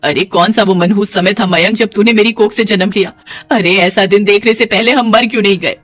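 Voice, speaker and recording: A woman's voice: medium pitch, fairly quick, fairly bright tone, no room sound, close to an everyday voice. Cartoon mother-in-law, voiced by a woman, exasperated, scolding, dramatic, faint background music. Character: fussy traditional middle-aged mother-in-law.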